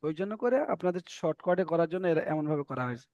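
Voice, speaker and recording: A man's voice: fairly high pitch, expressive, fast, a little mellow, no echo, muffled recording. A man teaching Arabic letter reading in an online class, patiently repeating each point and checking that students follow.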